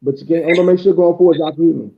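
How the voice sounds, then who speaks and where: A man's voice: fairly high pitch, steady tone, racing, creaky. A man leading a casual group call, laughing easily, his voice muffled and tinny like a drive-through speaker. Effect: muffled, tinny mic like a drive-through speaker. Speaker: discussion facilitator.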